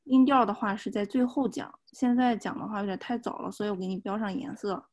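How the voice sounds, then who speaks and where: A woman's voice: medium pitch, fast talker, darkish tone. A woman teaching a beginners' language class over a video call, explaining patiently step by step. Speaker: Japanese teacher. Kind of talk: online class instruction.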